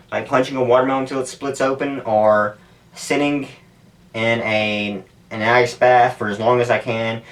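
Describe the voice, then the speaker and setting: Guy rambling to camera for his youtube, cusses a bit, honest, mid voice, kinda far from the mic. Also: medium pitch. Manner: profane, candid, meandering. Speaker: YouTuber making stunt videos. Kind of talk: casual rambling talk to camera. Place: indoors at home, sitting in an ice bath. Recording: distant, off-mic camera audio.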